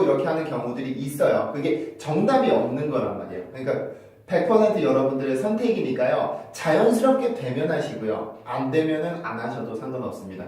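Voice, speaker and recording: Man, pronunciation teacher, lively intonation, repeats examples slowly, distant mic. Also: on the high side. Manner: explains step by step, repeats example sentences slowly and carefully. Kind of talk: spoken lesson. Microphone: phone camera with clip-on mic. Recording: echoey room, mic at a distance.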